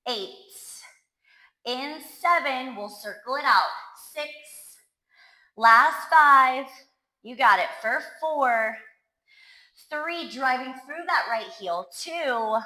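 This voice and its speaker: A woman's voice: sits high, lively intonation, drawn-out words, pauses often, bright, forceful tone, reverberant, rough recording. A woman leading a pilates workout, counting down reps with upbeat cheers and sometimes winded. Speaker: pilates instructor. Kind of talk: workout class cueing.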